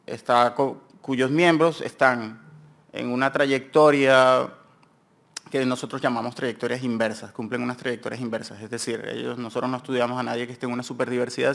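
A man with a Peninsular Spanish accent presents his research at an academic conference in a university seminar room. His mid-range voice is gravelly and fairly bright, and he rambles informally, correcting himself along the way.

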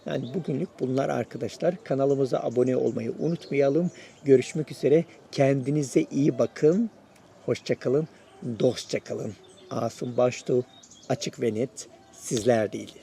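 A man's voice: medium pitch, measured pace, vocal fry, warm tone, slight background noise. A man hosting a casual spoken lesson, encouraging his viewers and repeating his advice as he shares his own experience learning a language. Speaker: YouTube host sharing his Russian learning.

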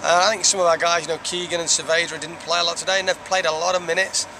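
A man in his thirties, a soccer head coach, giving a measured, reflective postgame interview outdoors, with lots of "you know". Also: a little high, flat delivery. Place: outdoors by a stone wall. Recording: outdoor traffic noise.

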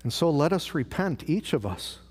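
A man's voice: fairly high pitch, big pitch swings, normal speed, a little mellow, husky. A man preaching a sermon as pastor, asking rhetorical questions and repeating phrases for emphasis. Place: large church sanctuary. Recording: live church broadcast with long hall reverb.

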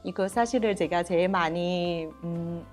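A woman from China, a native Chinese speaker and professor, answering interview questions in halting Korean with a Chinese accent and frequent fillers. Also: fairly low pitch, faint music behind. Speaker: professor, head of a university Chinese department.

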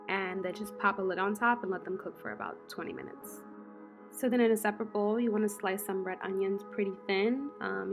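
A woman in her twenties, chatty and relaxed, walking through a meal prep in her home kitchen. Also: mid-range voice, gravelly. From United States. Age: 20s. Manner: chatty, relaxed, lots of fillers. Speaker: lifestyle vlogger. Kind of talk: casual how-to vlog.

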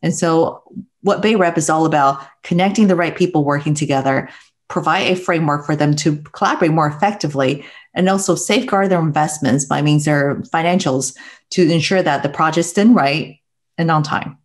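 A woman's voice: sits low, brisk. Guest: middle-aged Taiwan-born woman, earnest and reflective, video-call earbud sound. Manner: earnest, reflective, with soft laughs. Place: home room with bookshelves, indoors. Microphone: wired earbuds headset on video call.

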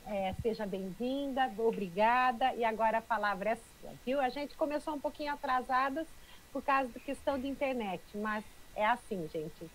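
High-voiced Brazilian woman hosting online. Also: moderate pace, slight background noise, poor audio. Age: middle-aged. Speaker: event host. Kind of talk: introducing a speaker and reading a biography. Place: indoor room. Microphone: wired earbuds on a video call.

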